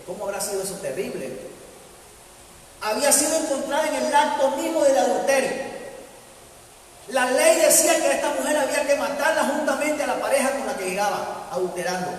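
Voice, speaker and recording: A man's voice: extremely high pitch, lively intonation, fairly quick. A man, a pastor preaching a sermon to his congregation with rising and falling intensity. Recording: echoey hall from far off, faint hiss.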